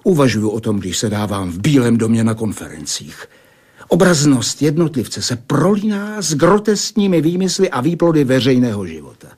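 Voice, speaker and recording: A man's voice: medium pitch, sing-song, darkish tone, husky. An actor in a radio play voicing an older male physicist who pleads with a woman and lectures at length, sometimes sinking to a whisper. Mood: lecturing. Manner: pleading then philosophizing, drops to whispers. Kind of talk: Czech radio play acting.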